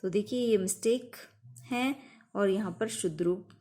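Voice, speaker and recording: A woman teacher, patiently explaining grammar to children with slow, emphatic examples. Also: mid-range voice, warm tone.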